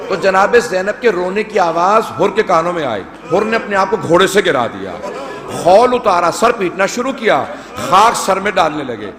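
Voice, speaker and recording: A high-pitched male cleric preaching a mourning sermon. He tells the story in a lamenting, emotional way. His voice rings out through a large hall with a long, echoing reverb. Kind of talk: Shia majlis sermon narrating mourning accounts.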